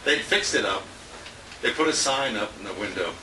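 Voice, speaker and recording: Fairly low-voiced and expressive, speaking at normal speed, a radio colleague tells rambling, chuckling anecdotes in an informal tribute at a restaurant dinner. The roomy, noisy sound comes from a handheld compact camera held at a distance indoors.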